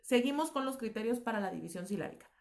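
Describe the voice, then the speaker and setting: A woman's voice: a little high, lively intonation, fast talker, creaky, a little mellow. A woman teaching a recorded lesson, explaining patiently with fillers and self-corrections. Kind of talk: recorded class lecture.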